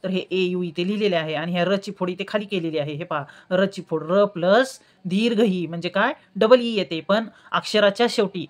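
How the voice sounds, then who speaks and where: A woman with a Marathi accent teaching a spelling lesson, slowly repeating words syllable by syllable. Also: on the low side.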